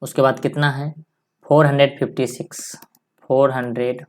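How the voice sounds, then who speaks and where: A male maths teacher giving a step-by-step lesson, dictating slowly and repeating each number as he writes it. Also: mid-range voice, flat delivery. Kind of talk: step-by-step lesson while writing on a board.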